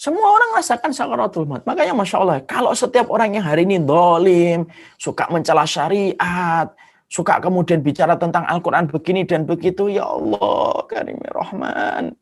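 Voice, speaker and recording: A man's voice: fairly quick, vocal fry. A man preaching an Islamic sermon, vivid and dramatic, punctuating points with sound words. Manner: animated, swooping pitch with dramatic sound words.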